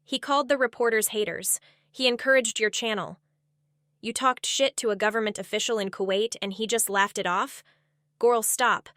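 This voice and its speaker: A woman's voice: on the high side, fairly even intonation, moderate pace, a bit bright, no echo. Woman commentary host, snarky, blunt, dry close mic. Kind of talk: sarcastic commentary.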